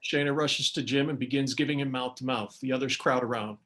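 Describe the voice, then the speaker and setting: A man's voice: mid-range voice, brisk. Man reading stage directions plainly. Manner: plain, even narration. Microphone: video call.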